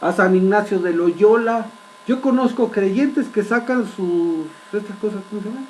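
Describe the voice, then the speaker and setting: A man. He retells the story with vivid, dramatic pauses and keeps checking in with his listeners through rhetorical questions. A faint hum runs underneath. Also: high-pitched, darkish tone, low-quality recording. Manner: asks the congregation frequent rhetorical questions. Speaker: preacher. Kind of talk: sermon.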